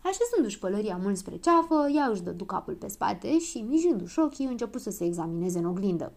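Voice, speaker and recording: Expressive woman reading a children's story. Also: mid-range voice, creaky. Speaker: narrator. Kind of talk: children's audiobook narration.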